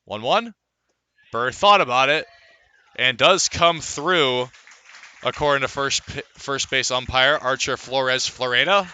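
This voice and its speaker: This radio announcer's mid-range voice is pushed and bright with a clean tone, and he speaks a little slowly while calling baseball live. His play-by-play flows smoothly through the stats, rising with each play.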